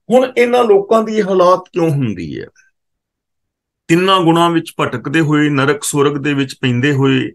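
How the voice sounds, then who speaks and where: A man giving a katha exposition of scripture, reciting verses slowly and then explaining them word by word, and correcting how the verse words should be pronounced. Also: mid-range voice. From Punjab, India. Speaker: scripture teacher.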